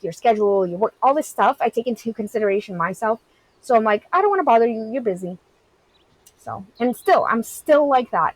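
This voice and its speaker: A woman's voice: a little high, no echo, poor audio. A woman in her thirties, a game streamer, chatting casually and answering her live chat in a candid, rambling way full of "like". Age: 30s. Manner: candid, rambling, heavy use of "like".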